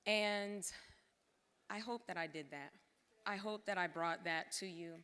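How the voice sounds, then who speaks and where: A woman's voice: fairly low pitch, a little slow, a bit bright. A woman giving a heartfelt, emotional thank-you speech at a formal gala, with casual asides to the crowd. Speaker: former cultural center director giving a thank-you speech. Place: large hall at a formal gala. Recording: long hall reverb.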